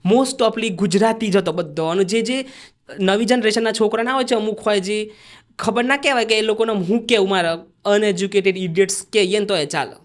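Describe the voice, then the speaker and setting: A man's voice: high voice, fairly quick. A young man with a Sabarkantha Gujarati dialect, a vlogger and dancer telling his story as a podcast guest in a chatty way and acting out the lines he quotes. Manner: chatty, acts out quoted lines of himself and others.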